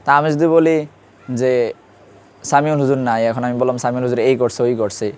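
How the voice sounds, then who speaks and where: A man's voice: mid-range voice, little pitch movement, moderate pace, a little mellow. A man teaching a classroom grammar lesson, quizzing students and repeating key terms.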